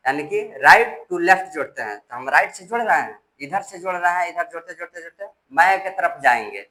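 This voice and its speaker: A man's voice: a little high, lively intonation, brisk, bright, forceful tone, poor audio. A man teaching decimal addition step by step, patient and repetitive, reading digits aloud one by one. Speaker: math teacher. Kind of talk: step-by-step classroom explanation.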